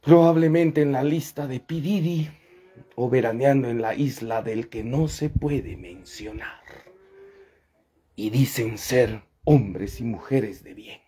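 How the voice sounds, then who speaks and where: Slow, preachy Peruvian man ranting. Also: slightly rough. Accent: Peruvian Spanish. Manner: dramatic and preachy, swinging between mumbling asides and sudden high outbursts. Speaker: live video streamer. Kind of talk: ranting live monologue. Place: outdoors by a noisy street with passing vendors. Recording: live phone video with loud street noise. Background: loud street noise, horns and passing vendors.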